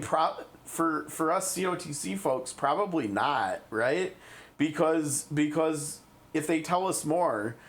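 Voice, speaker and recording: Chatty midwestern american streamer guy. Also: on the high side. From Midwestern United States. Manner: chatty, thinks aloud while reading. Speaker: game streamer. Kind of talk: casual live-stream chat.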